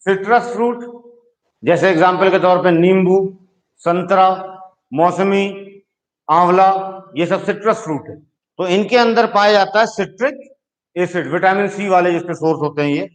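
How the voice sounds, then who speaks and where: A man's voice: sits high, normal speed, long pauses, poor audio. A man teaching a chemistry lesson, explaining step by step and often checking in with his students. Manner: explains patiently, checks in with "ठीक है". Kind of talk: classroom lecture.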